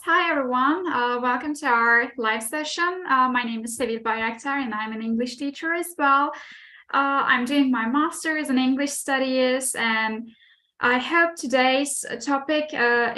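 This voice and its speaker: Bright, high-voiced woman teacher. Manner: grateful, hesitant, searching for words. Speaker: English teacher, co-host. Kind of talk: live online class hosting. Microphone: video call.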